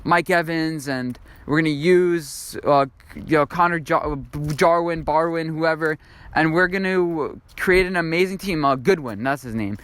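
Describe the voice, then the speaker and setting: A young man hosts his own sports video, talking through football opinions off the cuff. His voice sits a little high and comes across smooth and clear. He wanders and restarts as he thinks aloud. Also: measured pace, a bit bright. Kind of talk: unscripted football commentary monologue.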